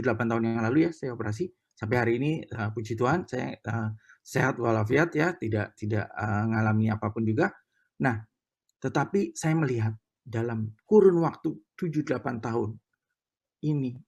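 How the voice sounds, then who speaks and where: A man's voice: medium pitch, creaky, husky. A middle-aged man preaching a sermon and telling a personal testimony, hesitant with many fillers and restarts, growing fervent and emphatic when he praises.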